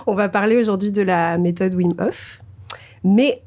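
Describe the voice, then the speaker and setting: A woman's voice: mid-range voice, a little mellow. A woman hosting a podcast interview, reading a scripted intro and then chatting in a friendly way with light laughs. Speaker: podcast host.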